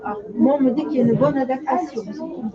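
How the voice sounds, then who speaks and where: A woman's voice: high voice, fast talker. A woman giving live readings as a medium, speaking spontaneously in short, repeated, reassuring fragments. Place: public hall with audience. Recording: dull sound, loud crowd noise. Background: loud crowd.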